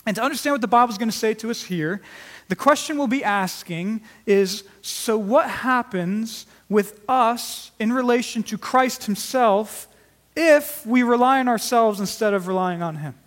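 A man's voice: high-pitched, moderate pace, in a large hall. A man preaching an earnest sermon as pastor, with emphatic rises in volume on key words.

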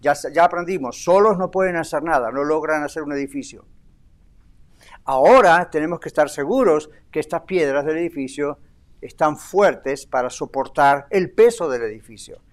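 An older man preaching a sermon in an animated way, asking the congregation questions and dropping in English phrases. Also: on the high side, normal speed. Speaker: pastor.

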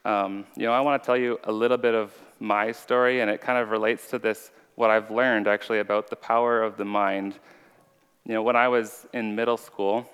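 In a large room with heavy reverb, an informal preacher gives an earnest, conversational sermon woven with personal testimony. His voice is lowish, clear and resonant, a bit bright, with a flat delivery at normal speed, and he has a slight stutter.

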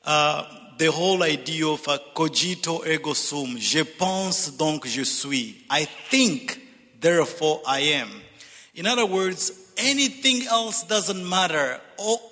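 Casting: Zambian-born man, fairly high voice, slow and earnest speaker, large reverberant sanctuary. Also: expressive, pushed and bright. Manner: earnest, deliberate, repeats words when building a point. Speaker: speaker at a church reconciliation event. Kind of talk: reflective speech to an audience. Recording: long hall reverb.

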